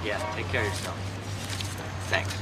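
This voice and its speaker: A man's voice: on the low side, fairly even intonation, normal speed, close to an everyday voice. An actor playing an easygoing, teasing salesman. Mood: joking. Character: joking, easygoing male car salesman colleague. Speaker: car salesman. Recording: TV movie audio with loud background noise.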